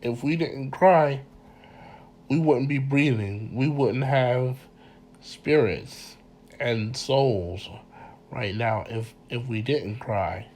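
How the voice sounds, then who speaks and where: Male lecturer, stuffy and congested, slow halting delivery, mid-pitched, faint noise underneath. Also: a little mellow. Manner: halting, many repeated words and ums; earnest, addresses listeners directly. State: congested from a cold. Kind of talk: informal mini lecture.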